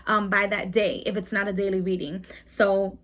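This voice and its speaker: A woman's voice: mid-range voice, flat delivery, normal speed, fairly bright tone. A young woman giving a casual weekly tarot reading, rambling and repeating herself with many ums and restarts. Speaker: tarot reader.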